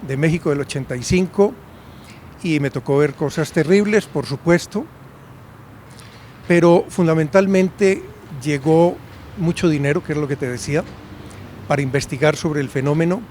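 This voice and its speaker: Man in his 60s, raised pitch, reflective storyteller tone, faint street noise behind. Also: normal speed, pauses often, darkish tone. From Medellín, Colombia. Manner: conversational, often checks in with a questioning "right?". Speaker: university professor. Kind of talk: storytelling in an interview.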